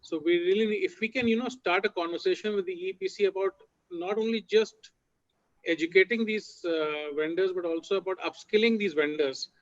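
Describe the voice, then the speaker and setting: High voiced guy on a muffled call, earnest, lots of uh. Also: fairly quick. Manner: earnest, clears throat, many fillers. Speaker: meeting participant. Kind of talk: online business meeting. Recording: dull lo-fi call audio.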